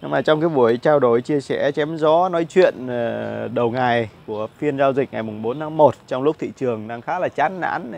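A man's voice: medium pitch, normal speed, vocal fry, few pauses, a little mellow. A man in his thirties giving casual stock market commentary outdoors on a lapel mic, chatty and full of fillers and repeated words. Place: outdoor cafe patio with plants.

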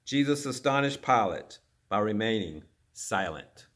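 A man's voice: lively intonation, unhurried. Man giving a dramatic scripture reading. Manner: dramatic, voicing the crowd's shouts louder and higher. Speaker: reader at a church service. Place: church.

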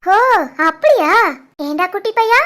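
A woman voicing a teasing, cheerful young aunt in an animated family story, with a Tirunelveli Tamil accent. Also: very high-pitched, measured pace. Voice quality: playful, teasing.

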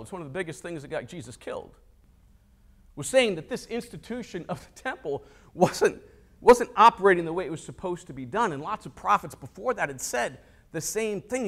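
A man preaching a sermon in a church, in a conversational way, acting out quoted voices with sudden loud outbursts. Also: high-pitched. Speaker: pastor. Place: church sanctuary.

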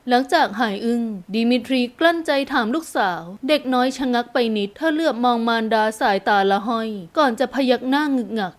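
Audiobook narrator, woman, high voice, smooth, even storytelling. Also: brisk, few pauses. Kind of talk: scripted narration.

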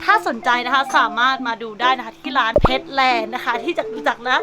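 At a normal speed and with fairly even intonation, a high-voiced woman hosts a bubbly pet showcase vlog, cutesy and gushing as she moves between pitching sales and talking baby talk. Music plays in the background.

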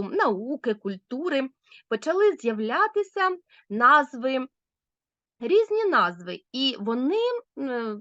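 A woman teacher giving a recorded school lesson to children, explaining rules clearly and with emphasis. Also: fairly high pitch, a bit bright, dry recording, highs cut off.

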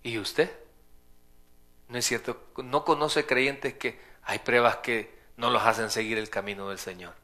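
A man's voice: medium pitch, fairly even intonation, unhurried, sharp tone. A man preaching a sermon as pastor in a church. He speaks emphatically, repeating his points and firing off rhetorical questions. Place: church sanctuary.

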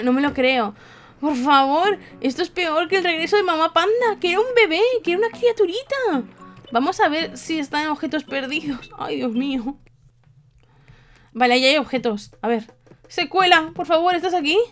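A woman's voice: high-pitched, fairly bright tone. A young woman with a Spain Spanish accent giving gameplay commentary to her viewers with theatrical, exaggerated dismay. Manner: theatrical mock-grief, exclaiming to viewers. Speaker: gaming channel host. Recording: faint background game music.

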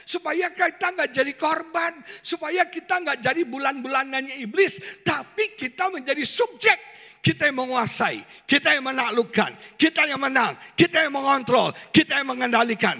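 A man with a very high, bright voice preaches with a lively, swooping delivery and keeps asking the congregation questions. His tone is a little husky, and a long church-hall reverb trails after each line. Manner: animated, colloquial, with rhetorical questions to the congregation. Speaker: pastor. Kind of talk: sermon.

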